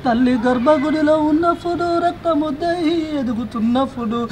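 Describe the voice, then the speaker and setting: A man's voice: extremely high pitch, moderate pace, background noise. A man, crying and wailing as a comic news reporter. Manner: wailing, sobbing, lamenting.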